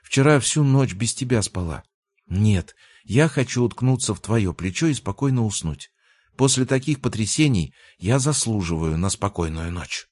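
A man reading the lines of an affectionate, stubborn young girlfriend in an audiobook, with his voice lightly raised and lively. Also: lowish voice, moderate pace, no echo, studio quality, pitched above the performer's own voice. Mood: pleading.

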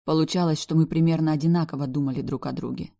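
A woman's voice: sits low, fairly even intonation, fast talker, vocal fry, dark tone. A woman reading a first-person novel aloud with wry, emotional storytelling. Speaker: audiobook narrator.

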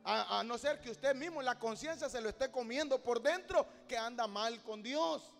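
High-voiced preacher in a reverberant hall. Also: male voice, normal speed, gravelly, faint music behind. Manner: storytelling, rising to loud exhortation. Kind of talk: sermon.

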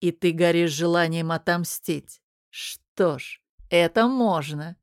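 A woman's voice: fairly low pitch, slow pace, smooth, dry recording, clean studio sound. A woman reading an audiobook, voicing a male emperor who speaks in curt, self-assured, commanding lines. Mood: domineering.

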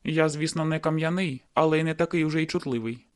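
Woman doing a young man, cocky, stubborn, lowered voice, insistent, teasing, audiobook. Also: fast, lightly acted.

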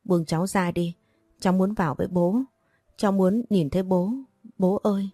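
A woman's voice: lowish voice, fairly even intonation, normal speed, dark tone, no echo, clean studio sound, close to an everyday voice. A woman voicing a grieving ten-year-old girl who pleads through tears in a storybook reading. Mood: pleading. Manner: tearful, pleading.

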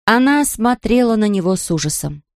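A woman narrating a children's storybook in a calm, even storytelling manner. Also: mid-range voice, moderate pace, dry recording, clean studio sound. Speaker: audiobook narrator. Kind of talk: storybook reading.

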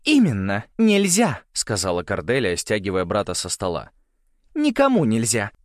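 A man's voice: on the low side, huge pitch swings, moderate pace, dry recording, studio quality. A man voicing a blunt, scornful noble girl in a storybook. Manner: blunt and contemptuous.

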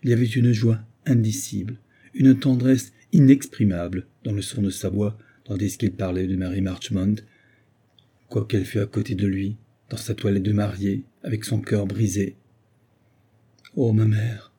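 A man narrating a classic novel in a measured literary reading. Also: lowish voice, little pitch movement, warm tone, husky. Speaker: audiobook narrator. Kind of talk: scripted narration.

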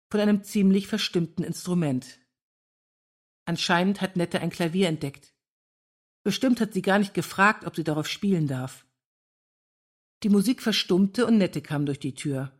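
Calm woman narrator for a read-aloud novel, even delivery, slightly low voice.

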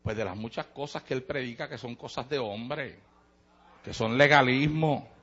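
A man with a Puerto Rican accent voicing a nosy, sly woman churchgoer who gossips in a hushed, conspiratorial tone. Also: mid-range voice, moderate pace, voice pushed down, lightly acted. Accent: Puerto Rican Spanish. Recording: dull lo-fi sermon recording.

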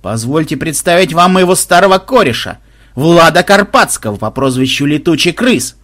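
A man voicing a gruff, loud, chatty tavern keeper in a fantasy audiobook. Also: fairly high pitch, lively intonation, normal speed. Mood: blustering.

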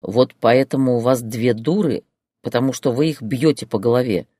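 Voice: medium pitch, normal speed, warm tone, husky, no echo, clean studio sound, lightly acted. A reader as a sulky, sardonic young man. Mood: grumbling.

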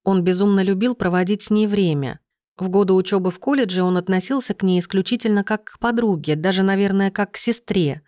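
A woman reading a novel aloud as narrator, in a steady, even storytelling manner. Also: medium pitch, fairly quick, no echo, clean studio sound. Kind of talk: audiobook narration.

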